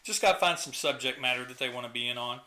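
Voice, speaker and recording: A man's voice: medium pitch, fast talker, pushed and bright. A middle-aged man hosting a casual album review chat, talking enthusiastically and humming riffs and sounds to illustrate the music.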